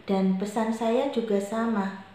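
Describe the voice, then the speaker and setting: A woman's voice: on the high side, steady tone, slow pace, warm tone. A woman homeroom teacher giving her students a firm briefing, repeating her reminders. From Indonesia. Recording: very echoey room with faint noise.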